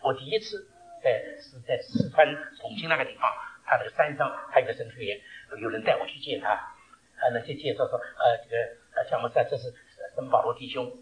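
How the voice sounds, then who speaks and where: A man preaching a sermon, telling stories and asking rhetorical questions, swinging between loud and hushed delivery. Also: mid-range voice, fairly quick, poor audio.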